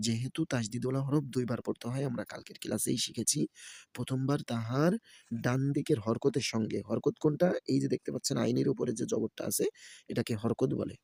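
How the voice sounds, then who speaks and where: Gravelly-voiced male tajweed teacher. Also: mid-range voice, steady tone, a little mellow, no echo, clean studio sound. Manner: slow letter-by-letter spelling drill, patient and repetitive. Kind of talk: recorded tajweed lesson.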